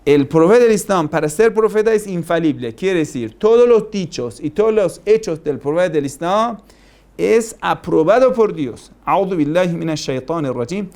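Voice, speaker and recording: A preacher gives a religious lecture in a high, somewhat dark-toned voice with lively intonation at normal speed. He is emphatic, asks rhetorical questions, and repeats key phrases.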